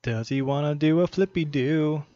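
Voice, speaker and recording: A man's voice: on the high side, moderate pace, mellow, dry recording. A man commentating a live poker stream, bantering and joking with viewers between hands. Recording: slightly dull stream audio, faint hiss.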